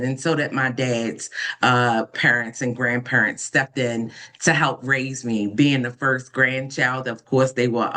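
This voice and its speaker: A woman in her fifties from Baltimore, an ordained minister, telling her life story in an interview in an earnest, unhurried way with frequent pauses and soft fillers. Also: a bass voice. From Baltimore, United States. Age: 50s. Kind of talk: reflective personal storytelling in an interview.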